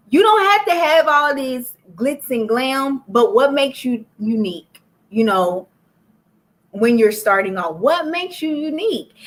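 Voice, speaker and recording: A woman hosting a live-streamed book club, talking straight to her viewers in a chatty way. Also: sits high. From Florida. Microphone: laptop or phone for a live stream.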